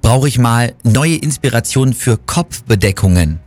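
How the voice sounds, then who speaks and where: A man's voice: medium pitch, lively intonation, normal speed, a little mellow, dry recording, soft background music. A man hosting a morning radio show, chatting in a casual, self-mocking way.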